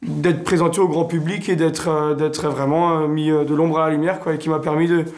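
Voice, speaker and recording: A man's voice: on the high side, little pitch movement, brisk. A young man from Alsace, a singer answering interview questions hesitantly, with many fillers and restarts. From Alsace, France.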